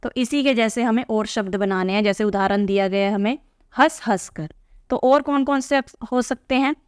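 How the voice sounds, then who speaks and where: A woman's voice: on the high side, moderate pace, smooth, no echo, studio quality. A woman teacher patiently explaining a textbook lesson to young pupils, often checking in with "theek hai?".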